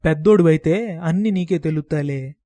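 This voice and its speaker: A bossy village aunt scolds in brisk rural speech, as a male storyteller puts her on. The voice sits a little high and is recorded dry and close, with no room sound. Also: warm tone, dry recording, natural voice. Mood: scolding. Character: scolding village aunt, middle-aged woman.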